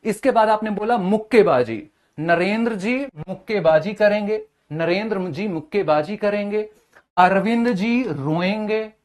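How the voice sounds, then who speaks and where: A man's voice: high voice, unhurried, a little mellow. A young male teacher giving an exam-prep lecture, building memory tricks and checking in with short questions. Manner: mnemonic-heavy, keeps asking "है ना?" and "ठीक है?".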